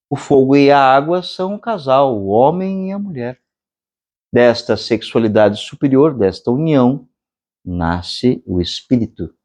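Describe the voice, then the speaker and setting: A man with a Brazilian Portuguese accent giving a spiritual meditation lecture, speaking slowly and deliberately with long pauses and chanting drawn-out vowels. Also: mid-range voice, a little mellow. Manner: slow, measured delivery with long pauses. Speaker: meditation instructor.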